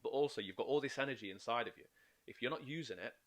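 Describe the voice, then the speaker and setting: A man with a mid-range voice talks very fast on a casual podcast as a life coach. He explains eagerly in animated bursts, acting out quoted inner voices.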